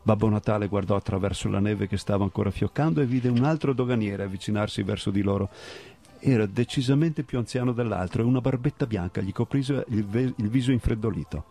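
A man reading a story aloud with steady, measured narration. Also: lowish voice, vocal fry.

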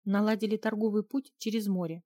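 A woman reading a husband's lines in an audiobook, relating his family's history in a measured way. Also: medium pitch, steady tone, dark tone, no room sound, close to an everyday voice. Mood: storytelling. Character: courteous Irish husband, storytelling man.

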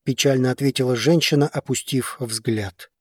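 A man narrating a story in an audiobook with calm, even storytelling. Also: mid-range voice, moderate pace, breathy edge, dry recording, studio quality.

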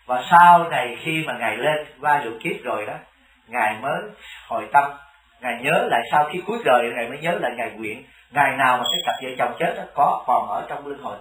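Monk preaching in an echoey hall. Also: male voice, mid-range voice, a bit bright. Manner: storytelling, often asks the audience questions. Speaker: Buddhist monk teaching a congregation. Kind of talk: sermon. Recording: echoey hall, distant mic.

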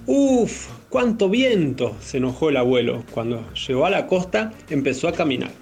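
A man's voice: mid-range voice, gravelly. Argentine father reading a legend aloud. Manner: careful, measured reading. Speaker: parent reading a child's story.

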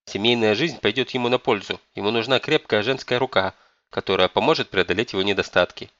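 A man's voice: lowish voice, fast talker, a bit bright, no room sound, dull audio, lightly acted. A man voicing a stern, domineering elderly grandmother who scolds and commands. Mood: scolding.

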